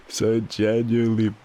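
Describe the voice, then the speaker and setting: A tired man with an Australian accent and a lowish, warm voice speaks sleepily and affectionately. He is an audio roleplay performer playing the boyfriend in an intimate bedtime scenario.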